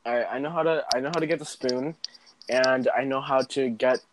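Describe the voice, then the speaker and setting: A man's voice: mid-range voice, a little fast, background noise. Playful young man chatting over a game. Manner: playful, laughs often, teasing. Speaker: gamer. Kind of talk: casual gaming chat with friends.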